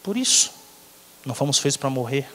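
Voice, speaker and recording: Brazilian pastor preaching in a reverberant church. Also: male voice, mid-range voice, very animated, fairly quick, sharp tone. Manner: conversational, checks in with the congregation. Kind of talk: sermon. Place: church sanctuary. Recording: long church hall reverb.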